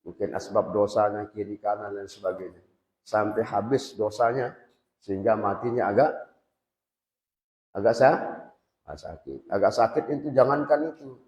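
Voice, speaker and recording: A man's voice: lowish voice, moderate pace, long pauses, a little mellow. A man teaching an informal religious lesson to boarding school students, talking conversationally and putting questions straight to them. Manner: conversational, quizzes students directly. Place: boarding school prayer hall. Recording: echoey hall, dull lo-fi sound.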